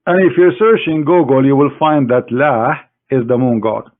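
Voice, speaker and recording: A man's voice: mid-range voice, lively intonation, moderate pace. Scornful man on tinny, phone-like audio. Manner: scornful, sarcastic, addressing an opponent directly. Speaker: religious critic presenting a screen demonstration. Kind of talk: mocking screen-share lecture.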